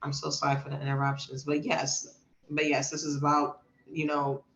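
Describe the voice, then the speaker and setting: A woman with a low voice co-hosts a podcast, reading news items and reacting in casual, emphatic chat at a moderate pace. Her storytelling is animated and emphatic. The audio sounds dull, with a roomy quality.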